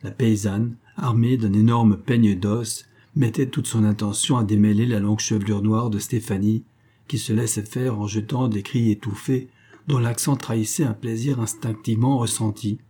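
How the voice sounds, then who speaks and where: Give me a low-voiced man calmly narrating a classic novel. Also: moderate pace, husky. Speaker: audiobook narrator. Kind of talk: literary audiobook narration.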